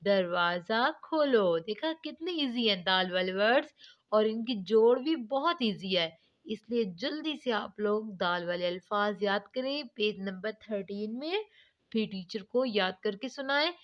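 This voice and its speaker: A woman teacher giving an online phonics lesson to young children, spelling out letters and words slowly and drawing them out. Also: mid-range voice, lively intonation, lo-fi sound.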